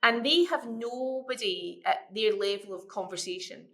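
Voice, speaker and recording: Bright, lively middle-aged woman. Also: medium pitch, normal speed. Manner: animated storyteller, repeats words when starting a thought. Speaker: guest, early years educator. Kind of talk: casual podcast chat.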